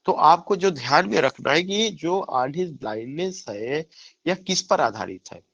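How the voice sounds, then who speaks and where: A man's voice: on the high side, expressive, takes it slowly, gravelly, fairly bright tone, muffled recording. Man teaching exam answers, repeating points. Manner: repeats key answers as questions to students; mixes Hindi with English terms. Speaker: English literature teacher. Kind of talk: exam-prep lecture.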